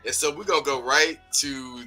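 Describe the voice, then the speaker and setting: A man's voice: mid-range voice, moderate pace, pushed and bright, faint music behind. A man hosting a morning talk show, upbeat and casual, calling listeners y'all and baby.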